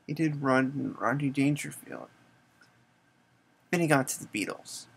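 Guy with a gravelly husky voice, general american accent, explainer video host talking plain. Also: mid-range voice, a little slow, rough recording. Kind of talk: explainer monologue.

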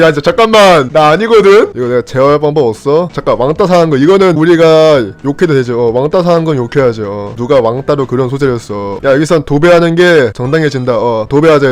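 A man's voice: mid-range voice, darkish tone. A young man, a gaming YouTuber, chatting and teasing his viewers while commenting on his gameplay.

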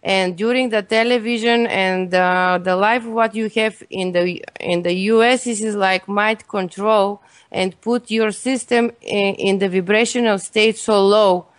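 A woman's voice: medium pitch, fairly even intonation, a little slow, dry recording. A Bulgarian woman, a guest health expert, earnestly explaining her views in English with non-native grammar and a Bulgarian accent. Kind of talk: interview answers.

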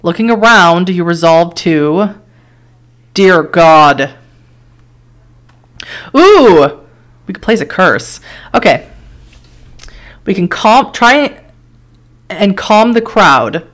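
Low-voiced woman streamer reading game text. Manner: steady storytelling read broken by quick surprised asides; laughs between lines and weighs choices aloud. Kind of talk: reading interactive horror fiction aloud with live commentary.

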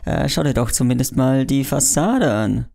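A man voicing a teasing, upbeat male colleague in an audiobook, pitched a bit higher than his narration and drawn out. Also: moderate pace, vocal fry, mellow. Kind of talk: audiobook character voice.

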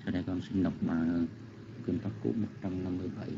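A man with a very deep, gravelly voice recites a Pali verse slowly and deferentially, analyzing each syllable with care. The sound is dull and muffled, as on an online call. A loud hiss of noise runs underneath. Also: fairly even intonation. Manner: slow, careful, deferential recitation. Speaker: student reciting scripture.

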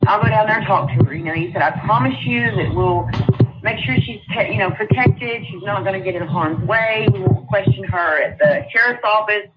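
A woman's voice: medium pitch, normal speed, heavy background noise. Rambling mother telling her story. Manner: rambling, repeats "you know" and "I said". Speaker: interviewee, mother. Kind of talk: casual storytelling.

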